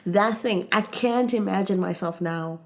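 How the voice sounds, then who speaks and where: An African woman appears as a podcast guest in a casual conversation, speaking earnestly and reflectively with plenty of "like" and "you know." Her mid-range voice is a little slow and a little mellow.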